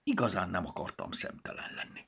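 A man with a gravelly, husky voice, voicing a small, timid talking pair of glasses in a storybook, high and plaintive. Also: wildly swooping pitch, a bit bright, full character voice.

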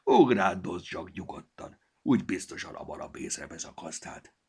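A man's voice: sits low, big pitch swings, warm tone, slightly rough, exaggerated voice. A man voicing a small gnome with a cold, talking through a stuffed-up nose and sometimes grumbling. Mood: grumbly stuffy. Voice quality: stuffy nose, blocked consonants. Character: sniffly little gnome with a cold.

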